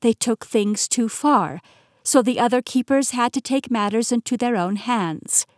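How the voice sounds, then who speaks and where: Audiobook: measured, patient immortal keeper, woman reading, a touch high, dry close sound. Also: no echo, lightly acted. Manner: measured, explanatory. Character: poised immortal woman keeper explaining history.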